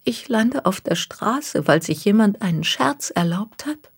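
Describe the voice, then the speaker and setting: A woman's voice: medium pitch, expressive, unhurried, breathy edge, pitched above the performer's own voice, heavily acted. Woman voicing a distraught young woman near tears. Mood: tearful. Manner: pleading, close to tears. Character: young woman, distraught, stranded by a cruel hoax.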